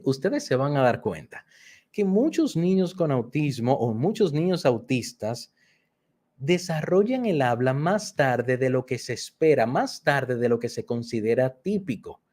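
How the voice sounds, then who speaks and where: A man's voice: medium pitch, big pitch swings, a little slow, darkish tone. A man teaching a workshop lesson, explaining patiently and repeating key points to his listeners. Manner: acts out children's repeated phrases. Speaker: instructor.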